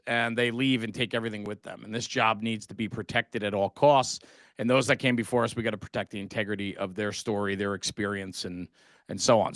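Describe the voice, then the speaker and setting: A middle-aged man with a medium-pitched, slightly bright voice is heard in a dry recording. He's a guest on a live stream, a fire service podcaster talking casually and passionately, emphatic, earnest and buddy-like, with "man" and "bro" sprinkled in.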